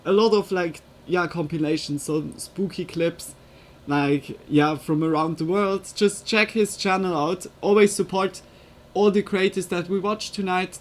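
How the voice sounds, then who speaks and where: A woman's voice: lowish voice, a little mellow, a little hiss or hum. A woman chatting casually and giggling on a live stream, with loose non-native phrasing, into a USB desk microphone.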